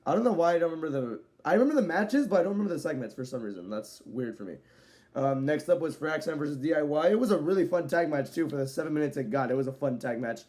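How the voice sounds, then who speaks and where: A man's voice: on the high side, expressive, quick pace, darkish tone. Casual rambling male video reviewer. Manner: rambling, loose delivery with frequent "so, yeah" fillers; at times speeds up. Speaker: wrestling show reviewer.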